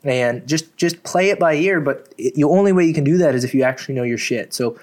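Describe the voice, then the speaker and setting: A man's voice: on the high side, brisk, a little mellow. A man, a fitness coach, giving casual advice in a chatty way, full of fillers and casual swearing. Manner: chatty, lots of "like" and "you know", swears casually.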